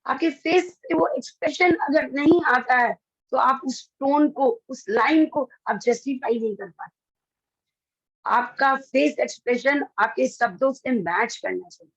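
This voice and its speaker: A woman teaching students communication skills in Hindi, lively and expressive, acting out example lines and mixing in English phrases. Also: high-pitched, a little slow, breathy edge, no echo, dull audio. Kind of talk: lecture to students.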